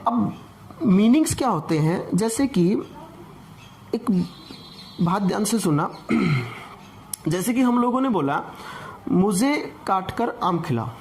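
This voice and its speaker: A man's voice: sits high, lively intonation, slow, long pauses, darkish tone, a little hiss or hum. A man teaching an English grammar class, explaining patiently and repeating points, often asking rhetorical questions.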